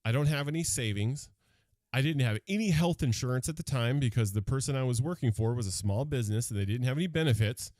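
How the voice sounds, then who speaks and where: A man's voice: medium pitch, fast. A man tells a personal story on radio in a candid, rambling way, restarting his sentences as he goes. His voice sits in an ordinary middle range. The studio sound is dry and close, with no room echo. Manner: animated, rambling, frequent restarts and fillers.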